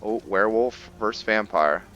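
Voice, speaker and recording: Game music sits beneath this man's lowish, somewhat bright voice as he plays and comments casually on a roleplay game, musing to himself at a normal pace. He hosts gaming videos, and the audio sounds dull.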